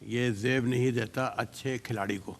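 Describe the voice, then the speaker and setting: A man judging a student debate, speaking in a measured, deliberate way and encouraging each student. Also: medium pitch, fairly even intonation. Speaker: debate judge. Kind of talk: giving feedback to students. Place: TV studio.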